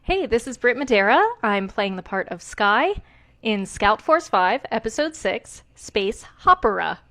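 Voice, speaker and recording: A woman cheerfully introduces herself as a voice actor and tells a quick joke. Her voice is fairly high and her manner upbeat. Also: lively intonation, bright, forceful tone.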